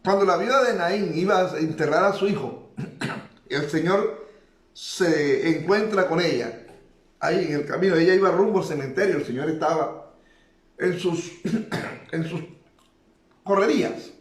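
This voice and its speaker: A man's voice: on the high side, unhurried, long pauses. Man preaching a sermon in an echoey room. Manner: preaching, repeats phrases for emphasis.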